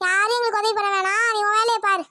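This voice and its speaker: A woman's voice: very high-pitched, fairly even intonation, fast talker, pushed and bright, no room sound, studio quality. A woman voicing an anxious, devout middle-aged mother in a cartoon who scolds and wails. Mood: fretful. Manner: scolding, wailing and fretful. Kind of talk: cartoon voice acting.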